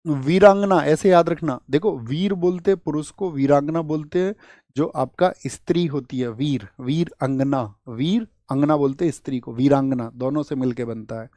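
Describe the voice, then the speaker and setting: A male teacher from India gives an exam-prep lecture in a fairly high voice, with a dry and close sound. He keeps asking his class questions and hammers answers home by repeating them. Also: moderate pace, dry recording. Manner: lively, asks the class questions, rhetorical repeats.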